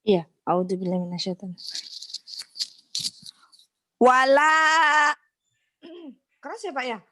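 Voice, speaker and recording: A woman from Sumbawa studying Quran reading over a video call, reciting slowly and haltingly, deferential and quick to apologize. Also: mid-range voice, very animated, a little mellow, husky, no echo, clean studio sound. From Sumbawa, Indonesia. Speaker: adult Quran student. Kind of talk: online Quran reading lesson.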